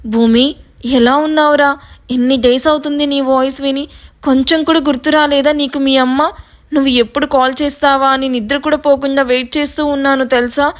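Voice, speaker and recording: A woman's voice: high voice, fairly even intonation, fairly quick, lightly acted. A woman voicing a tearful middle-aged mother who pleads to hear her daughter. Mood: pleading. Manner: pleading, emotional.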